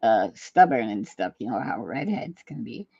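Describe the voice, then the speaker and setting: A man co-hosting a loose chat, rambling through stories and throwing in jokes. His voice sits at a middle pitch. The sound is dry and a little dull. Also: big pitch swings, moderate pace, creaky, warm tone, breathy edge, no echo. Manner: rambling, jokey storytelling. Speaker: podcast co-host. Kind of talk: casual banter.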